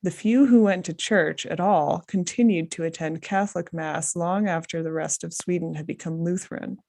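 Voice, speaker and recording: A woman's voice: fairly low pitch, normal speed, vocal fry, a little mellow. A woman co-hosting a casual group podcast, reading a passage aloud with joking asides. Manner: laughs often, reads with asides. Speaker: podcast co-host.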